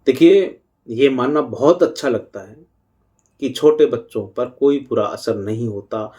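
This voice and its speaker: Middle-aged male spiritual teacher, unhurried talk, soft dark tone. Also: medium pitch. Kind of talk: devotional talk on parenting.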